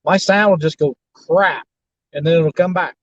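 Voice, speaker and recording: Male co-host on a call, easygoing, high voice, muffled lo-fi line with faint hiss. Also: moderate pace. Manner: easygoing, short agreeing replies. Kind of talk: casual chat over a call. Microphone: computer mic on a stream call.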